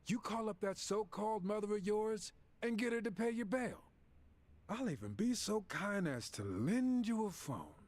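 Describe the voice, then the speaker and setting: A man's voice: high-pitched, lively intonation, moderate pace, a little mellow, no room sound. An actor playing a corrupt, sneering police officer in a video game cutscene, mocking and gloating as he frames a suspect, with game music behind. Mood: interrogating. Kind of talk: game dialogue acting. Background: game music score.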